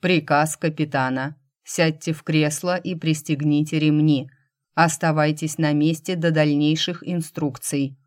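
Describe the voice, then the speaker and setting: Lady doing a loud flat metallic spaceship computer, low voice, monotone announcements. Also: unhurried. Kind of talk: audiobook narration.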